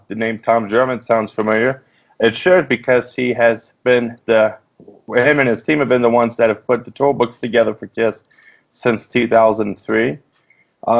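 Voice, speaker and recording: Casual male podcast host, lo-fi. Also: medium pitch. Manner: casual, filler-heavy.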